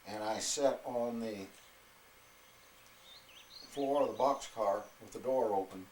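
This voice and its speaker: A man in his eighties, an old military veteran recalling his service in an interview in a halting, unhurried way. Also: medium pitch, a little mellow. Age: 80s. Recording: echoey room with faint noise.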